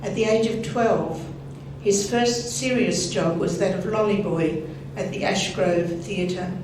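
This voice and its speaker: An older woman delivers a scripted eulogy in a measured, gently wry way. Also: medium pitch. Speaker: eulogist at a family memorial. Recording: very echoey hall, distant mic, noisy.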